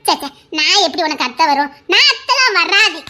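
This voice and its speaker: A young woman, voicing a cheeky village woman in loud, laughing, bickering audio-drama banter. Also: very high voice, big pitch swings, moderate pace, heavily acted. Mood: playful.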